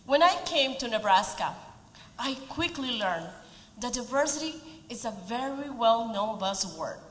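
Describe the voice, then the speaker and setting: Speaking a bit slowly in a slightly high, bright and very animated voice, this woman in her forties from Peru gives a prepared community-event speech that is earnest yet lightly humorous. She has a Peruvian Spanish accent, and the hall lends a roomy reverb.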